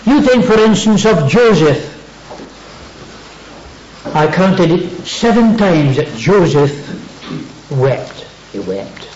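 A man's voice: sits high, animated, takes it slowly, pauses often, a little mellow, slight background noise. Emphatic preacher man, echoey lo-fi recording. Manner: dwells on words with emphatic repetition. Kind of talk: sermon.

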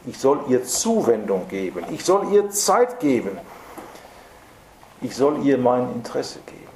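Male preacher, emphatic sermon delivery, dark tone, roomy hall sound. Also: medium pitch, big pitch swings. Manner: earnest, emphatic, with slow stressed repetitions. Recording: roomy hall with faint background noise.

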